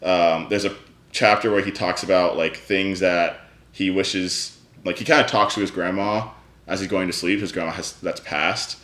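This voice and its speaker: A man's voice: sits low, fairly even intonation, moderate pace, fairly bright tone. A man chatting casually and with enthusiasm about books he read, with many fillers. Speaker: book vlogger, co-host. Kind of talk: casual book chat. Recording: echoey room.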